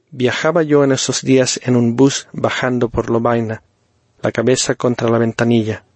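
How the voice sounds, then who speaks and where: A man from reading a first-person story slowly and deliberately, with dry irony. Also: mid-range voice, a little mellow, no echo. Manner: slow, deliberate, ironic storytelling. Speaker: narrator.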